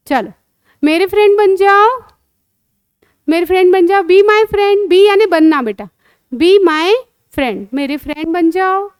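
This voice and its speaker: High-voiced woman teacher, patient. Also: no echo, clean studio sound. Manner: patient, repeats phrases slowly, quizzes with questions. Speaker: English teacher. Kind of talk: teaching lesson to children.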